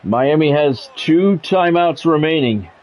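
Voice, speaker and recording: This middle-aged or older man speaks slowly in a slightly high voice, giving live play-by-play of a football video game. His announcer-style calls come in short, clipped phrases, rising into excitement on big plays.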